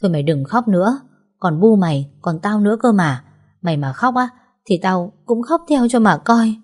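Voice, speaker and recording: A woman's voice: medium pitch, lively intonation, normal speed, darkish tone, voice pushed up, natural voice. A woman voicing a tough young girl who comforts her friend in blunt words. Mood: consoling.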